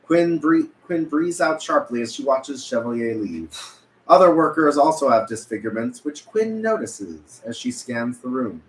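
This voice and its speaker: A man with a medium-pitched, sing-song voice reads stage directions at a moderate pace during a script table read. He sometimes stumbles and corrects himself, and the echoey room carries background noise.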